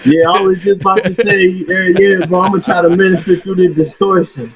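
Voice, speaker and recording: A man's voice: sits high, level tone, brisk, crowd noise. A man calling in to a talk show over a distorted phone line, sounding muffled as if heard through a wall or hose, talking in a laid-back, slangy, rambling way. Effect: muffled, distorted phone line, as if talking through a water hose. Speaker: caller. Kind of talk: casual call-in chat.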